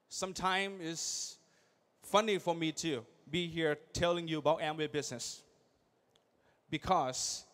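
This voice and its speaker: A young man from Thailand, giving an energetic motivational speech at a large convention and firing questions at the crowd. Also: on the high side. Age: young adult. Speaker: convention speaker.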